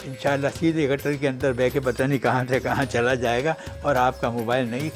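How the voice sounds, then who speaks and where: A man's voice: mid-range voice, fairly even intonation, soft background music. A man hosting a radio show, telling funny anecdotes in a chatty, joking way and acting out the quotes. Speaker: radio host. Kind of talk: humorous radio storytelling.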